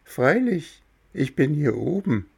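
A man's voice: a little high, very animated, takes it slowly, gravelly, breathy edge, voice pushed up, full character voice. A man voicing a wise, stern little talking cricket in a storybook reading, with a lecturing, reproachful manner. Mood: calling out. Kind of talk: storybook narration.

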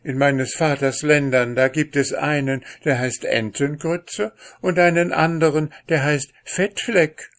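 Man putting on a high, playful young princess. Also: fairly even intonation, unhurried, hardly any pauses. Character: cheerful carefree young princess.

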